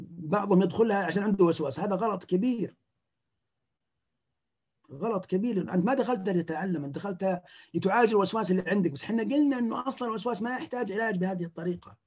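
A man, a clinician giving a lecture, talking in an animated way and acting out the words of patients. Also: sits high, slightly rough, dull audio.

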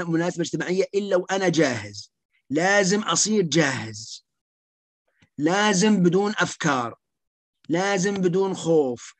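A man's voice: on the high side, dry recording. A man giving a slide lecture on social anxiety as a psychiatrist, emphatic and repeating key points.

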